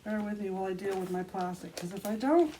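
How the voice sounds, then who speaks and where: An art tutorial host with a mellow, animated, medium-pitched voice narrates a casual craft demonstration, talking while she works. She calmly describes her own actions step by step, and background noise is clearly audible.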